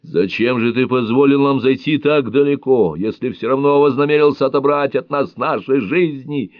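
Man shouting as a frenzied priest raging at heaven. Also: sits low, very animated, no echo, lo-fi sound, heavily acted. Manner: shouting, thundering, drawn-out words. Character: frenzied half-naked male priest raging at God.

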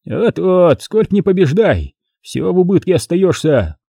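A man's voice: high voice, very animated, a little slow, gravelly, dark tone, husky, no room sound, studio quality, voice pushed up, heavily acted. A man voicing a blunt old war commander who barks orders and grumbles. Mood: grumbling.

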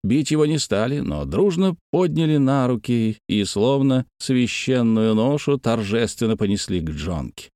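A man narrating a story aloud, addressing his listeners, with expressive reading. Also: mid-range voice, moderate pace, few pauses, no echo, studio quality.

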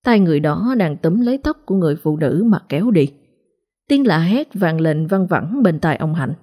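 A woman narrates a ghost story with steady drama. Her voice is low-pitched, dark and a little husky. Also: normal speed.

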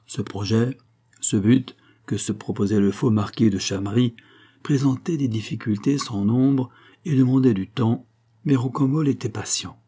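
A man reads a novel aloud as an audiobook narrator, keeping a steady, even delivery. His voice has a dark, mellow color with a husky grain, at a middle pitch. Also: normal speed.

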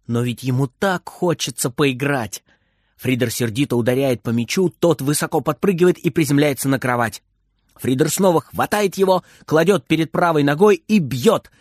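A man reading a children's story aloud in an expressive, animated way. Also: a little high, normal speed, dry recording, studio quality.

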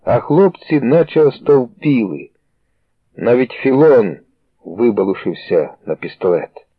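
A man reading a story aloud in a steady, measured, slightly dramatic way. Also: mid-range voice, breathy edge, no echo. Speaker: audiobook reader. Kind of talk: storybook narration. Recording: dry, tinny phone-like sound.

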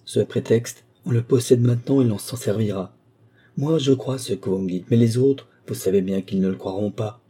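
A man reading the part of an aging village lawyer who talks slowly and gently, pausing heavily. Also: fairly low pitch, slightly rough. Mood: grave. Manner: slow, gentle and pleading, with heavy pauses.

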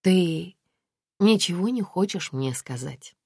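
A woman reading an audiobook, voicing a guarded young heroine who speaks quietly and in short replies. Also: on the low side, lively intonation, slow, gravelly, husky, no room sound, clean studio sound, pitched above the performer's own voice, full character voice. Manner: quiet, clipped. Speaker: audiobook reader.

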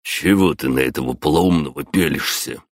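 A man voicing a mocking, crude young male bully in an audiobook, sneering and loud. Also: a bass voice, moderate pace, dry recording, clean studio sound.

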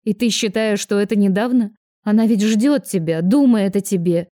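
A woman's voice: mid-range voice, unhurried, mellow, lightly acted. A woman voicing a grandmother magically made young again, eager and prone to blurting things out. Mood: flustered.

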